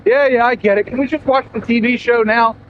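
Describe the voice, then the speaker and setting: A man's voice: very high voice, fairly even intonation, brisk. A man imitating his wife, sounding dismissive and exasperated, recorded outdoors on a moving motorcycle. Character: weary wife, exasperated with her husband. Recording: muffled sound with faint engine and wind noise.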